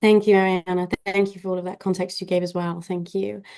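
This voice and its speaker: Flat-voiced woman moderating a panel. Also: lowish voice, fairly quick. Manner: brief thanks and hand-offs. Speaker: webinar host. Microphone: video call.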